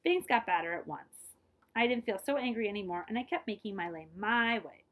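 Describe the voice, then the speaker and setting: Reading a picture book for children, this woman uses a medium-pitched voice and moves a little fast. Her delivery is animated and theatrical, with whispery phrase endings and quick asides along the way.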